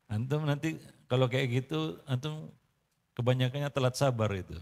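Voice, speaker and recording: A man's voice: medium pitch, moderate pace, vocal fry, darkish tone. A man giving a casual sermon to a congregation, bantering, quizzing his listeners and laughing often. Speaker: preacher. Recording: long reverb of a hall.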